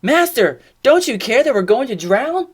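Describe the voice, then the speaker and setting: A woman voicing panicked grown fishermen disciples, shouting frantically. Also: mid-range voice, very animated, takes it slowly.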